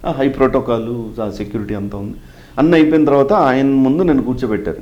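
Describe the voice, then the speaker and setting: A man's voice: medium pitch, fast, lo-fi sound. A middle-aged man, a mimicry artist, answering interview questions and telling stories from his career while slipping English phrases into his talk. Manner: explanatory, mixes in English phrases.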